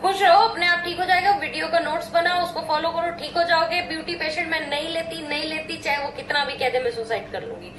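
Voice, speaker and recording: A woman's voice: very high-pitched, a little fast, hardly any pauses, fairly bright tone, slight background noise. A middle-aged woman doctor chatting casually in a live chat, giggly and playful as she tells stories and answers questions. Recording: roomy echo.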